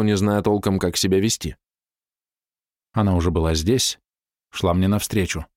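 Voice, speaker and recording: A man's voice: lowish voice, darkish tone, no room sound, studio quality. A man narrating a first-person novel as an audiobook, reading expressively and with feeling.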